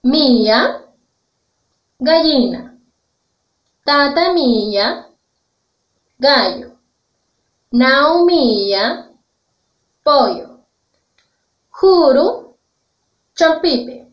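A woman teaches children, her high voice rising and falling in a lively sing-song. She spells out every word very slowly and carefully so little ones can repeat after her. The sound is dull and lo-fi, in an echoey room. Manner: slow, carefully enunciated, repeats words for pupils to echo. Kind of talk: children's language lesson.

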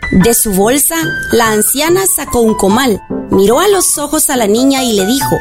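A woman reads a children's tale aloud, her high voice swooping lively up and down. Her delivery is expressive and lilting, like a storybook reading. Music plays clearly underneath. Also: moderate pace.

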